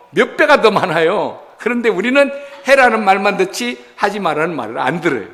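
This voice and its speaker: A male pastor preaching a Sunday sermon in a church, animated, acting out quotes and asking the congregation rhetorical questions. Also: high voice. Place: church sanctuary. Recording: long church hall reverb.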